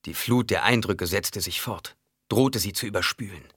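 Low husky man narrating an audiobook in a measured, dramatic way, bright-edged voice. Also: no room sound, clean studio sound.

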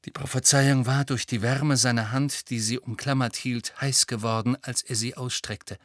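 A man narrating an audiobook with an expressive, dramatic reading. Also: medium pitch, normal speed, no echo, studio quality. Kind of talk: scripted narration.

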